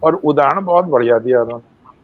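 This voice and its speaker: A man's voice: medium pitch, brisk, narrow, tinny audio. An older man giving a devotional lecture, telling stories and acting out the voices of sages and animals. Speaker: main speaker.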